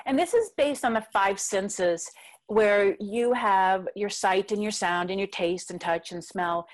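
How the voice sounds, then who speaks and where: Animated middle-aged woman explaining. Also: medium pitch. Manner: animated, acts out quotes from her husband. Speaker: guest expert on marriage communication. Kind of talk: conversational explaining.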